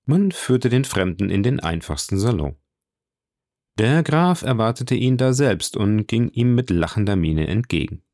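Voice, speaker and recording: A man reading a classic novel aloud as audiobook narration in a measured, expressive way. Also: fairly low pitch, no room sound. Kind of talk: scripted narration. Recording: dry close recording.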